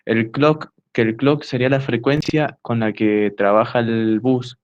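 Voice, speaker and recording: A young man giving a hesitant student class presentation, filling pauses with "eh" while pointing things out on a diagram. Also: medium pitch, steady tone. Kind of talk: class presentation explaining computer hardware. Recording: dull lo-fi recording.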